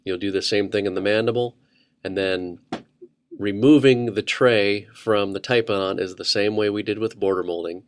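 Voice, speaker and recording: Low-voiced man explaining a dental lab step. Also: moderate pace, smooth. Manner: methodical, explanatory, steady step-by-step. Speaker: dental instructor. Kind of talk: instructional voice-over.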